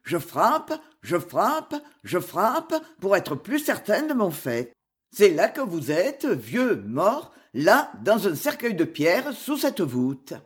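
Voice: medium pitch, very animated, takes it slowly, breathy edge, heavily acted. A reader voicing a stubborn old male stonemason in an audiobook, with plain, repetitive, blunt speech. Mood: dogged. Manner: plain, stubborn, repeats himself. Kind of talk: audiobook character voice.

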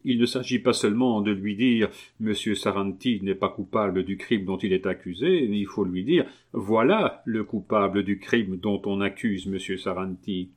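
A man reading a novel aloud, voicing an earnest, persuasive gentleman who speaks in a calm, measured way. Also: lowish voice, natural voice. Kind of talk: audiobook reading.

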